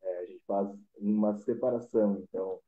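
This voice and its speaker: A man's voice: on the low side, steady tone, moderate pace. A man, a Portuguese teacher patiently explaining grammar rules step by step with examples in a casual lesson. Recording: roomy, dull lo-fi live stream audio.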